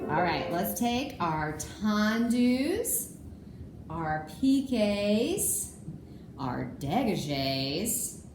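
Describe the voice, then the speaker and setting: A woman's voice: mid-range voice, big pitch swings, very slow. A young adult woman teaching ballet, calling out steps and counts rhythmically in time to music. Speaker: dance teacher. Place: medium-sized indoor dance studio with bare walls. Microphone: camera a few metres away. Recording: echoey studio, loud piano music over voice. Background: piano music.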